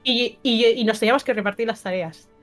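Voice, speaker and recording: A young woman with a Spanish accent, hosting a stream and chatting in a relaxed, frank and wry way. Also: a little high, brisk, faint music behind. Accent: Spain Spanish. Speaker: host. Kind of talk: casual chat. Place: streaming studio.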